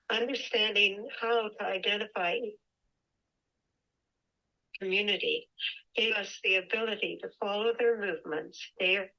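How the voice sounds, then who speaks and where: Woman, remote presenter, measured steady reading, call audio breaking up and dropping out, dull lo-fi line. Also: medium pitch, vocal fry. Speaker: whale researcher presenting remotely. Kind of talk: reading a prepared talk.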